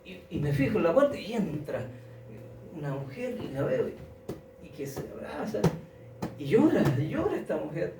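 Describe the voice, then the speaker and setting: A man preaching and retelling a story, circling back over his words with halting restarts. He stands well away from the mic, and the room rings with echo. Steady background ambience runs beneath him throughout. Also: high-pitched, very noisy. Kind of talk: sermon storytelling. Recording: echoey room, distant mic, audible ambience.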